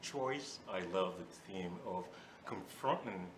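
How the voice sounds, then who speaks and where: A man's voice: low-pitched, lively intonation, takes it slowly, roomy sound, a little hiss or hum. A young man from Ghana, a student moderating a Q and A, speaking hesitantly with many fillers. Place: event hall.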